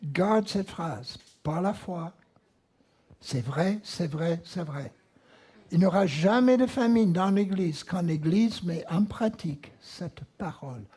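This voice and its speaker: Preacher, male, American accent, slow and emphatic, slightly husky tone. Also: high-pitched, expressive, warm tone. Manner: slow, emphatic, repeats key words. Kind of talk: sermon. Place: church.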